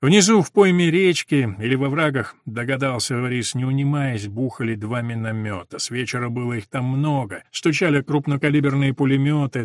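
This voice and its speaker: A man's voice: mid-range voice, no room sound, studio quality. A man giving scripted literary narration as an audiobook reader.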